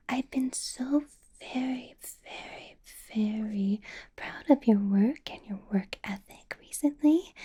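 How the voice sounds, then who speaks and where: Slow, breathy whispering and gentle teasing laughter carry a woman's heavily acted turn as a menacing, possessive female vampire boss in ASMR roleplay. Her pitch is fairly high.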